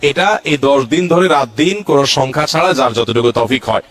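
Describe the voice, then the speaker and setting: A man's voice: medium pitch, brisk, a bit bright. A male Islamic preacher giving a religious lecture, going through numbered points and reciting Arabic verses.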